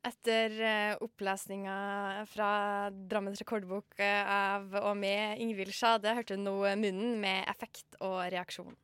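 Relaxed woman radio host. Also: mid-range voice, few pauses, smooth, dry recording. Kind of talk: radio interview. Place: radio studio.

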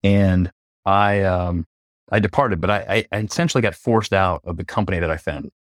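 A middle-aged man from Atlanta, a coach giving an interview, who tells stories in an animated way and acts out the quoted dialogue. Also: deep voice, moderate pace, dry recording, clean studio sound. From Atlanta, USA. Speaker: coach and facilitator, interview guest. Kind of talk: conversational interview storytelling.

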